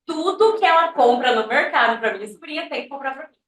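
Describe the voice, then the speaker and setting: A woman's voice: high-pitched, lively intonation, fast, fairly bright tone, slight background noise. A woman in her twenties, a student telling a candid personal story in class. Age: 20s. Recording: roomy class audio from far off.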